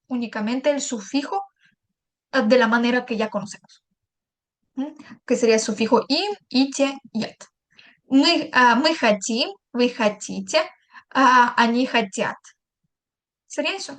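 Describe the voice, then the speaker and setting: A woman with a high voice teaching a patient, step-by-step language lesson. She repeats and translates each example and checks in with short asides. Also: fairly bright tone. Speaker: Russian teacher.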